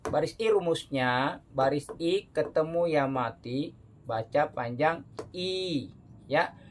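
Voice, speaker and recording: A man teaching beginners to read the Quran, explaining each rule patiently, adding "ya" after phrases and drawing example words out slowly. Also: fairly high pitch, slight background noise. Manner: frequent "ya" tag after phrases. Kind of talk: step-by-step recitation lesson.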